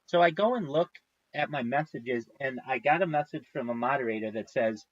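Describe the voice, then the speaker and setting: A man's voice: mid-range voice, expressive, fairly quick, dry recording, muffled recording. A man in his thirties, a livestreamer, tells a long story in a casual, profane, exasperated way. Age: 30s.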